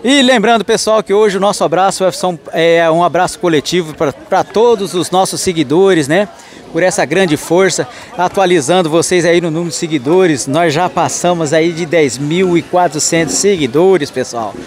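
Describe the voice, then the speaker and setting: A market vlogger from Mato Grosso do Sul, with a slightly high voice at normal speed, films a walking tour of an outdoor street market. He greets the vendors and thanks his followers.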